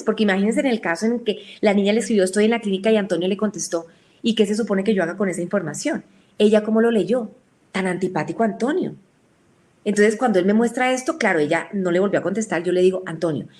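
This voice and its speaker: A woman explains her subject to an audience. She speaks at a middle pitch and works through the points with examples and acted-out quotes. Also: a little mellow. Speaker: lecturer. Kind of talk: explanatory talk.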